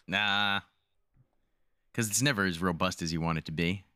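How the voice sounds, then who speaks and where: A man co-hosting a casual gaming podcast, trading deadpan one-liners. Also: deep voice, moderate pace, smooth, dry recording, clean studio sound. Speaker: podcast co-host. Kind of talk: casual chat.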